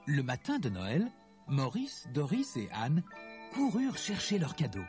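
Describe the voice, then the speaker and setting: A man narrating a children's Christmas story in an expressive, storytelling manner. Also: a little high, unhurried, music in the background.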